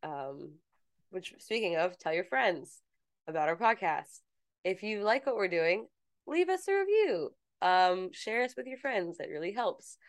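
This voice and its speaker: Smooth-voiced woman chatting on a podcast. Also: on the low side, big pitch swings, a little slow, no room sound, studio quality. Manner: chatty, teasing, reads bits aloud. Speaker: podcast co-host. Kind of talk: casual chat.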